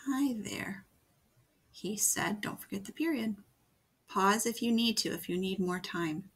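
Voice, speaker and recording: A woman teacher giving a video writing lesson for children, explaining slowly and patiently step by step. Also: medium pitch, vocal fry, a bit bright, breathy edge.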